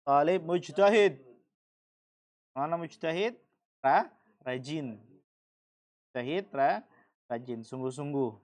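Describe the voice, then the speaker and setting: Male teacher, young adult, unhurried delivery, patient and repetitive, classroom lesson. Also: a little high, darkish tone. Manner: slow, repeats and explains each word patiently. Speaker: Arabic teacher.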